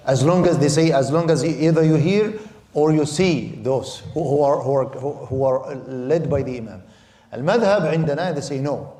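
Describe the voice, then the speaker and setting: A man's voice: a little high, mellow. Male Islamic law teacher, native Arabic speaker, patient step-by-step explainer, echoey lecture room. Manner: explains step by step, mixes Arabic words into English, repeats and restarts phrases. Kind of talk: classroom lecture. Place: lecture hall of a mosque center.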